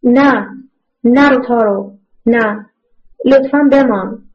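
A woman's voice: fairly high pitch, lightly acted. A woman voicing a torn, emotional young married woman who speaks with urgent, raised pleas. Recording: muffled lo-fi audio.

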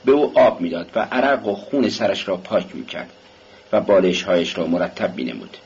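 A man narrating an audiobook in a dramatic, expressive style. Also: sits low, gravelly, husky. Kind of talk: scripted narration. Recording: dull lo-fi recording with faint hiss.

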